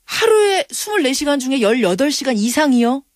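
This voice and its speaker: A woman's voice: sits high, big pitch swings, fairly quick, no room sound. A woman radio news host interviewing in an inquisitive, emphatic manner. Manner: inquisitive, emphatic, reacting with surprise. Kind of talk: broadcast interviewing.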